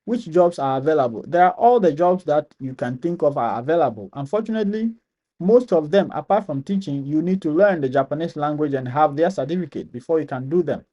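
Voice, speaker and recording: A man's voice: fairly high pitch, expressive, fairly quick, warm tone. A man with a Ghanaian accent hosting a live-stream question and answer session, reading viewers' comments aloud and answering them, often repeating his phrases.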